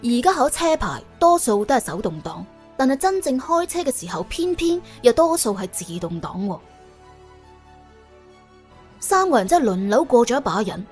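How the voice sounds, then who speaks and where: This is a Cantonese-accented woman, from Hong Kong or Guangdong, working as an audiobook narrator. She relates a colourful scripted story dramatically, casually and comically, in a voice that's a little high with a darkish tone.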